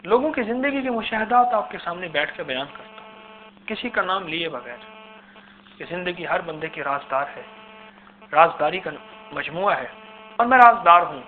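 A man with a high voice delivers a fervent sermon, dropping low before swelling into loud emphatic lines. The sound is thin and phone-like. A faint hum runs underneath. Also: lively intonation, normal speed, pauses often. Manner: impassioned, swings between hushed and loud. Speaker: preacher. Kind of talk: Urdu-flavored religious sermon. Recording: tinny phone-like recording with hum.

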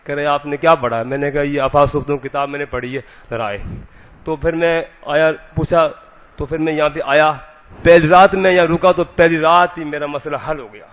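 A man recounts his dreams haltingly, looping back over the same words and restarting phrases. His voice sits a little high for a man. The sound is thin and tinny, like a radio or phone line. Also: steady tone. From Sindh, Pakistan. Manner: repetitive, stumbling, restarts phrases. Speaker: visitor telling his dreams. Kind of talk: halting personal testimony.

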